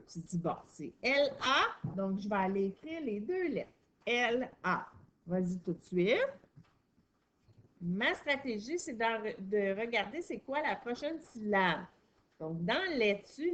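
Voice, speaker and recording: A woman teacher with a Quebec French accent, patiently explaining a reading and writing lesson step by step to a young child. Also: medium pitch.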